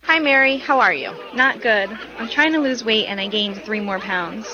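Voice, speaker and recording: A woman's voice: a little high, moderate pace, sharp tone, soft background music. A woman playing a discouraged, complaining dieter in a radio commercial dialogue. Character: discouraged woman struggling to lose weight. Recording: muffled radio, busy chatter behind.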